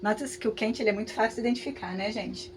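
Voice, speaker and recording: A woman with a Brazilian Portuguese accent teaching a class, talking in a lively, conversational way with frequent tag questions. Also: a little high, quick pace, slight background noise. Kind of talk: lecture with hypothetical examples.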